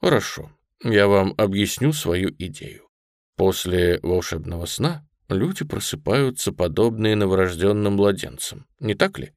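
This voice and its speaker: A wise straw scarecrow, low-voiced and unhurried, who lets gentle mockery slip into his explanations, played by a man. He speaks with weight and lively turns of pitch. The reading is close and dry. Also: dry recording. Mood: explaining. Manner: weighty, mocking. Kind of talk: audiobook character reading.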